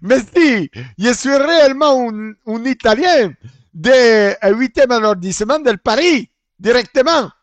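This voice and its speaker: A boastful fake Italian chef, loud and singsong, as a man mocks him. The voice sits high and swoops all over, recorded close and dry. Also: expressive, a little slow, no room sound. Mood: mocking.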